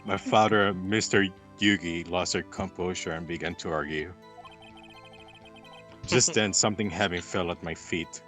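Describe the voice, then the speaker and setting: A man's voice: deep voice, steady tone, moderate pace, a bit bright. A man voicing a composed young male attorney, reading his story plainly in a fan reading over a game. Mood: recounting. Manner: plain reading, breaks into laughs. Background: game music.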